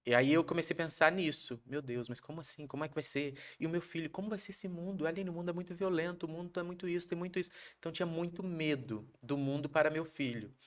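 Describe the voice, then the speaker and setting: A Brazilian man, a podcast guest, telling a personal story in a casual, animated way, acting out his wife's lines. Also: fairly high pitch, fast talker, hardly any pauses. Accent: Brazilian Portuguese. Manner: animated, acts out quoted voices of his wife.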